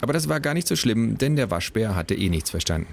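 A man's voice: fairly low pitch, very animated, fast talker, creaky, slight background noise. A man reads his own children's audiobook aloud, narrating in a playful, slightly exaggerated way. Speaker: author reading his stories.

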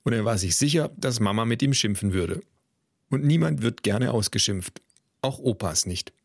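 A man's voice: mid-range voice, lively intonation, normal speed, creaky, no room sound, clean studio sound. Man narrating a playful audiobook. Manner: playful, exaggerated storytelling. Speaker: author reading his stories.

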